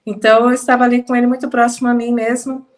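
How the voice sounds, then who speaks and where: A Brazilian woman with a slightly high voice tells a personal testimony slowly and emphatically, with pauses. She sounds a little stuffy, as if holding back sneezes. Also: flat delivery. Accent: Brazilian Portuguese. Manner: slow, emphatic, with pauses and soft laughs. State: slightly congested, fighting sneezes. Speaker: testimony speaker. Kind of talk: personal testimony, conversational storytelling.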